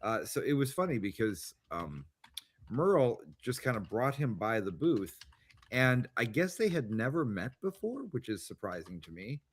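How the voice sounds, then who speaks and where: A man's voice: mid-range voice, big pitch swings, normal speed, slightly rough. A man hosting a tabletop game show, chatting casually and rambling with many fillers and restarts. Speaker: podcast host. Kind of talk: casual chat.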